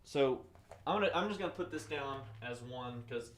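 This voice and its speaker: A man teaching a live-streamed lesson, repeating key phrases and moving between loud excited bursts and soft, low delivery. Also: normal speed, slight background noise. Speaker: presenter teaching webinar skills. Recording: roomy echo.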